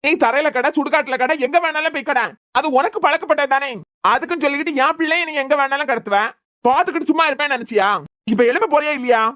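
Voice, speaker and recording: Angry cartoon dad voiced by a woman, high-pitched and fast, Kanyakumari accent. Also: a bit bright. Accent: Kanyakumari Tamil. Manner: scolding, raising his voice. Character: angry young husband and father, hot-tempered. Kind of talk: cartoon serial voice acting.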